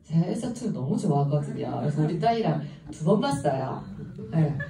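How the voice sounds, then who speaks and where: A woman's voice: low-pitched, very animated, a little fast, creaky, warm tone. A woman with a Gyeongsang accent giving an informal seminar talk, chatty and laughing often as she tells stories. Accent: Gyeongsang Korean. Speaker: seminar speaker. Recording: echoey room, voice from a distance.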